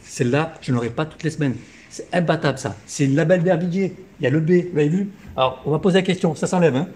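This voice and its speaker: A man giving a live infomercial sales pitch as a car dealership presenter, with emphatic hard-sell patter that repeats key figures. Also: fast, a little mellow. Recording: clear background noise on location.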